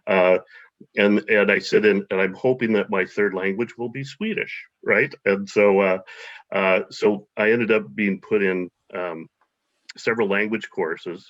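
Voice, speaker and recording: A guest in a casual interview, this American man has a lowish, fairly bright voice. He hesitates a lot, using many fillers and restarting often. The sound quality is dull and lo-fi.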